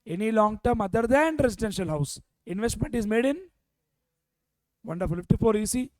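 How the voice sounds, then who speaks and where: A man's voice: sits high, lively intonation, fairly quick, a little mellow, no echo. A man with an Indian accent lecturing a revision class, prompting students with repeated questions and dropping Hindi phrases into his English. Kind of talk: interactive exam revision lecture.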